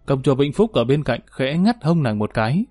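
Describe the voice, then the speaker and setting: A man tells a historical story in a steady, even narration, raising his voice for the characters' lines. His voice sits in a middle pitch and is recorded dry and close to the mic. Faint music plays under the reading. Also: a little fast, dry recording. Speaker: audiobook narrator. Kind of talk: scripted narration of a historical novel.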